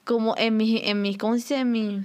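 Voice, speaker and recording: A young woman with a Chilean Spanish accent co-hosting a podcast, telling stories in animated, slang-heavy, swearing chatter. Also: fairly high pitch, a little fast. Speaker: podcast co-host. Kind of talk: casual podcast chat.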